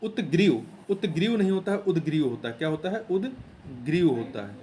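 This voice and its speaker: A man's voice: a little high, sing-song, a little fast, dark tone. A male teacher going through exam questions one by one, repeating key words and asking and answering his own questions. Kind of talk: explaining Hindi exam answers.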